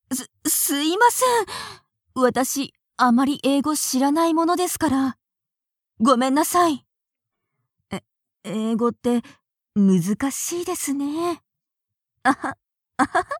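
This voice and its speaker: A woman's voice: high-pitched, no room sound, studio quality, exaggerated voice. A woman acting as a naive, polite young woman who hesitates and stammers when flustered, in an audio drama.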